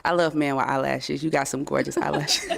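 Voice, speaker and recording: A woman contestant on a dating show, talking hesitantly with many pauses. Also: low voice, steady tone, gravelly. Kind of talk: casual chat.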